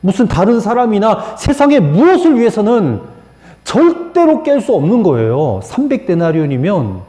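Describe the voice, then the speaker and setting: A man preaching a sermon as pastor, moving between quiet explanation and emphatic, rising appeals to the congregation. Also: sits high, normal speed. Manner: animated preaching, shifting from soft to emphatic. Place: church sanctuary. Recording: echoey church hall.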